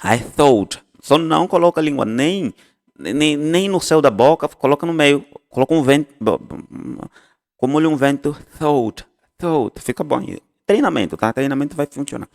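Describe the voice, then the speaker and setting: A man gives a casual English lesson, swinging his pitch widely as he explains. He repeats example phrases and corrects himself as he goes. His voice carries a long hall reverb. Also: expressive, moderate pace, creaky. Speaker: English teacher.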